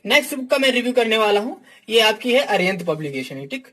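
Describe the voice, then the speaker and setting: A high-voiced man talks fast and very animatedly, with a bright, forceful tone. He's an exam coach reviewing books in a casual teaching talk, blunt and frank, calling his students "my dear" and tacking "ठीक" (theek) onto nearly every phrase.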